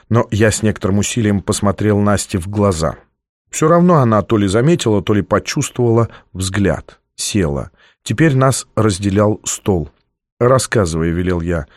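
A man's voice: lowish voice, expressive, moderate pace, no echo. A man narrating a first-person novel aloud in a dry, ironic storytelling manner. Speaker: audiobook narrator.

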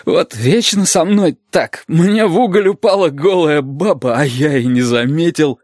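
A man's voice: on the high side, expressive, measured pace, a little mellow, dry recording, studio quality, pitched above the performer's own voice. A man reading an audiobook and playing a shivering, hard-drinking barge sailor who talks through chattering teeth and stammers as he grumbles. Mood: grumbling. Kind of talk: audiobook character voice.

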